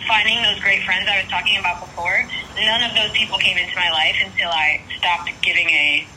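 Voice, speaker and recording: A woman's voice: mid-range voice, fairly even intonation, brisk, background noise. A young woman who is a singer, chatting casually as a guest in an interview and laughing often. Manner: bubbly, laughs often, says like a lot.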